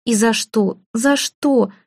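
A woman's voice: on the high side, slow pace, a little mellow, breathy edge, dry recording, clean studio sound, pitched above the performer's own voice, heavily acted. A woman reading as a shy poor young woman. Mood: hurt. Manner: pleading, flustered, self-deprecating.

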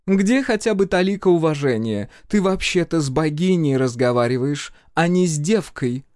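A man's voice: on the high side, lively intonation, normal speed, darkish tone, no room sound, studio quality, voice pushed up, natural voice. A male audiobook reader voicing a haughty female goddess of dreams who speaks with contempt and sarcasm. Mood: scornful. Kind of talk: audiobook character voice.

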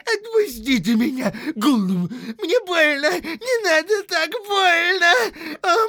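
A man voicing a wretched, whining male creature in an audiobook, with a shrill, whimpering voice that pleads and cringes. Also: creaky, fairly bright tone, no echo, studio quality, full character voice. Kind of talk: audiobook character voice.

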